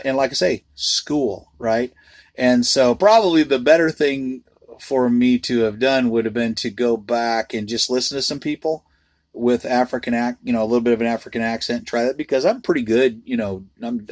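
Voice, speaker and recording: Guy rambling on his vlog, candid n kinda self-deprecating, mid pitch, dry close sound. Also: no echo. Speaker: freelance voice actor. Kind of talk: casual vlog chat.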